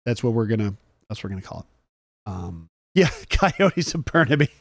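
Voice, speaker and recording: A young man chats loosely on a relaxed morning stream, wandering from story to story and tossing jokey asides to his viewers. His voice sits at a middle pitch. The recording is close and dry, with almost no room sound. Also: normal speed, no echo. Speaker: host. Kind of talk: casual morning chat with live chat.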